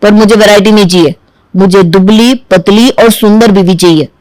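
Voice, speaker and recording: Guy doing a stubborn chubby young dude in a cartoon, high voice, whiny, dry sound. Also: steady tone, normal speed, darkish tone, no room sound, lightly acted, poor audio. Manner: whiny, argumentative. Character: stubborn chubby young man seeking bride. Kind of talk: Hindi cartoon dubbing.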